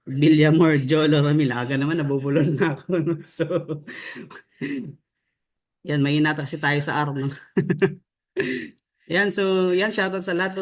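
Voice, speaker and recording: A young man from the Philippines giving a casual motivational online training over a video call, reading out names and asking the group "no?" and "di ba?" as he goes. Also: fairly high pitch. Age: young adult. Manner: chatty, reads out names with frequent "no?" and "di ba?". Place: home room with a staircase behind.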